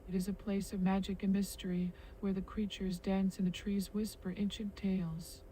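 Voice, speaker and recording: A woman's voice: medium pitch, flat delivery, moderate pace, dark tone, a little hiss or hum, close to an everyday voice, rough recording. A woman voicing a kindly forest spirit, an ancient guardian in a game, speaking in flowery, solemn phrases. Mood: mysterious, serene. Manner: flowery, solemn storybook speech. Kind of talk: scripted video game character dialogue.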